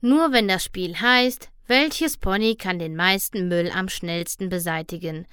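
A woman voicing a guilt-ridden young unicorn mare who talks slowly and dejectedly in a storybook reading. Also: fairly low pitch, fairly bright tone, clear, resonant tone, dry recording, clean studio sound. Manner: slow, dejected.

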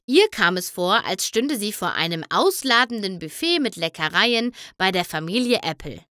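A woman reads a children's storybook aloud with a lively, swooping voice. Her tone is bright and crisp. The recording is dry and close. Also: medium pitch, moderate pace, no echo. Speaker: audiobook narrator. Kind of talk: storybook narration.

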